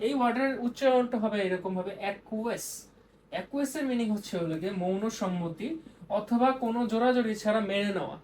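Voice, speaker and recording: A young woman tutors vocabulary at a brisk clip, chatty and prone to repeating each word as she explains. Her pitch sits in an ordinary middle range. Faint background noise runs under the recording. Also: a little mellow. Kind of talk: casual explanatory lesson.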